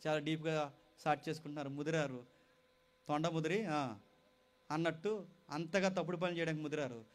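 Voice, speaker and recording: A man preaching a sermon to young people, moving from loud, urgent appeals to quiet, dramatic storytelling. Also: fairly high pitch, brisk. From Telugu-speaking India. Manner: impassioned, swings from loud exhortation to quiet storytelling.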